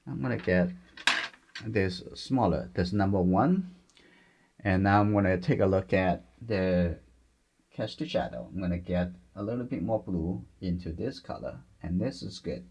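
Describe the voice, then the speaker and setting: Gentle, low gravelly male painting instructor. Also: measured pace. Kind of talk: step-by-step painting demonstration, unscripted.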